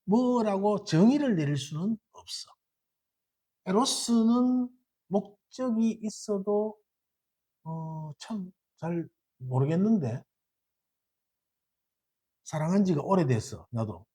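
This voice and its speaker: A man with a Gyeongsang accent giving a Buddhist sermon in a dharma hall, lively and quizzing his listeners with rhetorical questions. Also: sits high, takes it slowly, long pauses, breathy edge. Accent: Gyeongsang Korean.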